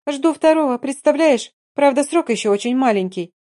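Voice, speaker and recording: Lady doing a smug catty girlfriend, high squeaky gloating voice. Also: lively intonation, a little fast, mellow. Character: smug young woman, boastful and catty.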